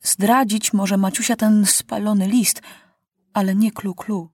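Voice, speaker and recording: A woman narrating an audiobook of a children's novel in a calm, measured way. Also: mid-range voice, breathy edge, dry recording, clean studio sound.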